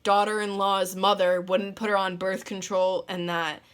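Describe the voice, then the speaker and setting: A young woman from the northeastern US rambling through a story in a casual vlog, full of "like" and quick laughs. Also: medium pitch, flat delivery, clear, resonant tone. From northeastern United States. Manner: rambling, lots of "like", laughs mid-sentence. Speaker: vlogger.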